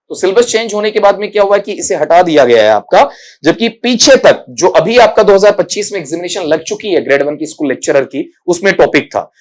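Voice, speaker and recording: A middle-aged man teaching an exam-prep class, breaking words into their sounds one by one and often calling his students beta. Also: fairly high pitch. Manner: addresses students as beta, repeats "thik hai" often; corrects pronunciations by saying sounds slowly one by one. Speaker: English teacher.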